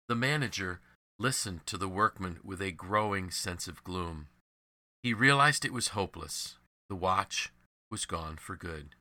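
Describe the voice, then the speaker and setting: Male devotional narrator: low, forceful, measured and earnest, dry close mic. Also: no echo. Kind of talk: scripted devotional storytelling.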